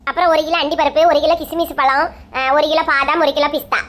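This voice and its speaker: A woman's voice: high-pitched, steady tone, fast, fairly bright tone. A woman playing a greedy young wife with a Kanyakumari Tamil accent, whining insistently for groceries. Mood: whiny insistent. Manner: whiny, insistent. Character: greedy childish young wife demanding treats.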